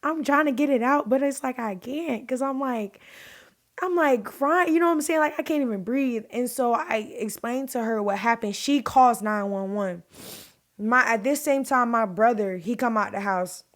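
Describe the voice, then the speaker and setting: A woman's voice: fairly high pitch, normal speed. A young woman, telling a story casually on her vlog, full of fillers and acting out the voices in her story. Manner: animated, many fillers, acts out quotes in a raised voice. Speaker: vlogger.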